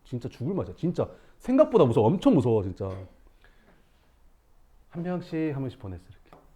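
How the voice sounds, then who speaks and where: A young male math teacher tells his class a story in a lively, swooping voice. His pitch sits in the middle, and he acts out the scenes with sudden shouts and sound effects. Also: quick pace, slightly rough.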